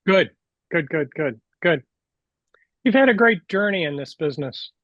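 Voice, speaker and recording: A man's voice: on the high side, animated, moderate pace, a bit bright. Male podcast host, encouraging interviewer on a video call, muffled audio. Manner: affirming, short encouraging replies. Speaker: podcast host, business coach.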